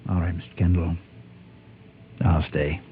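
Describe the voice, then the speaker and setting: In a 1950s Western radio drama, a man plays a haunted former gunfighter turned preacher, crushed by guilt, confessing gravely and haltingly. His low, husky voice is flat and fully in character, with a resigned mood. The old-time recording is muffled and tinny, like a telephone.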